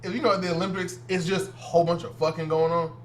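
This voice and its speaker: A man's voice: a little high, level tone, fast, slight background noise. Casual, rambling podcast man. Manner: loose, rambling, laughs often. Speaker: podcast co-host.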